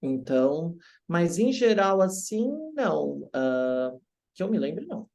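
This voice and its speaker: A man from Brazil, an English teacher telling stories in a casual interview, lively and acting out the voices of people he quotes. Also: a little high, slow pace, creaky, lo-fi sound. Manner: animated, acts out quoted voices.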